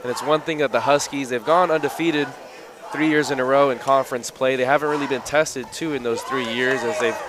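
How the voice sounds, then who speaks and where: A man calling live college basketball play-by-play in brisk, clipped phrases that rise on big plays. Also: medium pitch, fairly even intonation. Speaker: play-by-play announcer. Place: college gym. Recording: loud crowd and gym noise.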